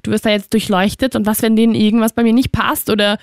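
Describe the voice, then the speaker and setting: A woman's voice: a little high, level tone, fast talker, a little mellow, dry recording, studio quality. A young Austrian woman in casual chat, telling about her own trips and fears. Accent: Austrian German.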